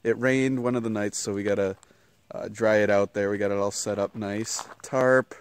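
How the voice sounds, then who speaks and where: A man's voice: lowish voice, moderate pace, clean tone. A young man vlogging outdoors at a wooded campsite, chatting casually into a handheld camera as he walks and points things out. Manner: relaxed, chatty, listing things with fillers. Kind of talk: casual vlog tour. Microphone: handheld camera at arm's length.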